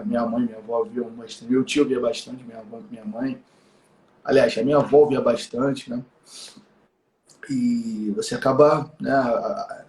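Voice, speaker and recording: A man's voice: medium pitch, darkish tone, a little hiss or hum. Rambly guy chatting on a live stream, lots of fillers, voice bouncing around a roomy space. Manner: rambling, many fillers and tag questions. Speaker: live stream co-host, law professor. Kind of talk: casual chat. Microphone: live stream call mic. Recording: echoey room.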